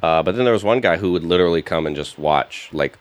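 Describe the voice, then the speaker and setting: A man's voice: sits low, lively intonation, fast talker, no room sound. A man, a stand-up comedian, chatting casually and telling a story, acting out the lines of the people in it. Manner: storytelling, acts out quotes. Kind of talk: casual chat.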